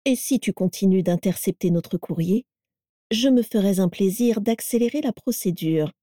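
Brief: breezy, unflappable old matriarch, mellow and dry, read by a woman. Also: mid-range voice, moderate pace, no echo, natural voice. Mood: placid. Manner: placid, breezy, gently mocking. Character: cheerful, self-assured elderly mother who keeps strange animals.

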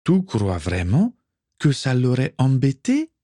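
A man's voice: medium pitch, huge pitch swings, slow, mellow, no echo, studio quality, voice pushed up, heavily acted. A man voicing a caring, teasing Russian woman who cooks aboard a ship, in a read-aloud story.

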